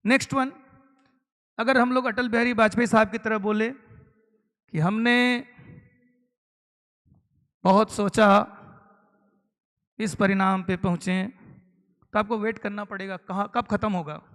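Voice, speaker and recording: This teacher trainer from eastern India has a high, slightly bright voice, speaks at normal speed and pauses often. He lays things out step by step, tosses rhetorical questions at his audience and mixes English terms in, with long hall reverb on the recording.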